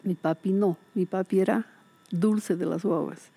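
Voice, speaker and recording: Lively older woman telling stories. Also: mid-range voice, unhurried, vocal fry, slightly rough, dry recording. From Bolivia. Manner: lively storyteller, acts out quoted voices, laughs often. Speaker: retired teacher, guest. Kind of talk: casual interview chat.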